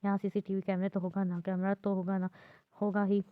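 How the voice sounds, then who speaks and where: A man's voice: sits high, monotone, brisk, smooth, no echo, lightly acted. A woman reading the part of a loving young husband who is a secret police officer, in a tender, teasing manner. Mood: angry. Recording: dry, tinny phone-like audio.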